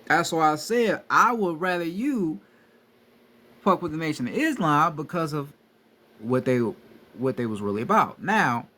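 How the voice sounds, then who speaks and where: In a casual street-style lecture, a young man acting as a spiritual teacher lays out spiritual ideas with plenty of profanity, emphasis, and repetition. His fairly high voice is expressive with a sharp tone, and he talks a little slowly.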